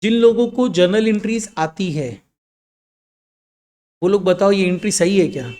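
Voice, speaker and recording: A man teaching accounts in a classroom with students, mixing Hindi and English, asking questions and answering them himself, and slowing down to dictate definitions. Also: high-pitched, warm tone. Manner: slows down to dictate definitions word by word.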